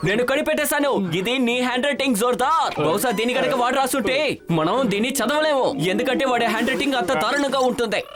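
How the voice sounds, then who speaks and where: A man's voice: extremely high pitch, quick pace, few pauses, a bit bright. A man voicing a proud, stubborn and loyal cat brother in a children's cartoon, speaking emphatically. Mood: sulky, sceptical. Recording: clear music behind the voice.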